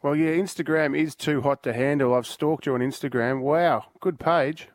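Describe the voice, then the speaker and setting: A man's voice: a little high, moderate pace, no echo. A man co-hosting a casual entertainment interview, asking chatty questions. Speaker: co-host interviewer.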